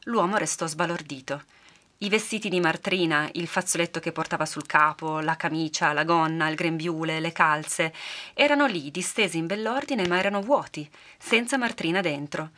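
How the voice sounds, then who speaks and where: A woman narrating a folk tale for a podcast in a lively, expressive storytelling manner. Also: low voice, normal speed.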